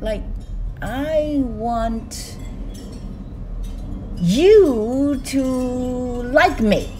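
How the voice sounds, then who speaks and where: An older woman from Hong Kong talking to her phone in a loose, animated monologue, gesturing as she speaks. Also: drawn-out words, a little hiss or hum. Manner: animated, gesturing with both hands, swooping pitch. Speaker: vlogger. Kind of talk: casual monologue to camera. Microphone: phone on a stand close to her.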